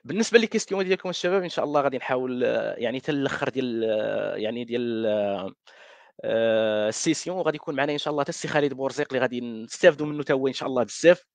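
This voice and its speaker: Brief: Moroccan man presenting a tech workshop, rapid and animated, French words mixed in, dry close sound. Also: medium pitch, vocal fry, no echo. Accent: Moroccan Darija. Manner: mixes French words, many restarts and fillers. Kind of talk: live coding walkthrough.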